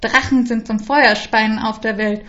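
A haughty storybook princess, put on by a woman reading aloud, scoffing at her suitor in a cool, disdainful tone. Her voice sits high and jumps up sharply when she sneers. The recording sounds dull and lo-fi. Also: fairly even intonation, unhurried, a bit bright. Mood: scornful. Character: haughty, hard-to-win modern princess, young woman.

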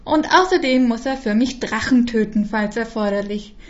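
A woman's voice: fairly high pitch, moderate pace, highs cut off, natural voice. A woman putting on a haughty scoffing princess. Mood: scornful. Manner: scoffing, disdainful, cool. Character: haughty, hard-to-win modern princess, young woman.

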